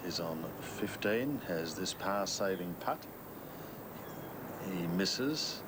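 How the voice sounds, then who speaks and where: A man commentating live on televised golf as lead broadcaster, with measured, conversational observations. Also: low voice, animated, very noisy.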